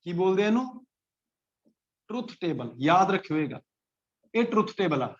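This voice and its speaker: Brief: Punjabi male physics teacher, fairly high voice, drills students, lo-fi sound. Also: very animated, moderate pace. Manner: quizzes students by name, repeats points. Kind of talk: classroom lecture. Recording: dull lo-fi classroom recording.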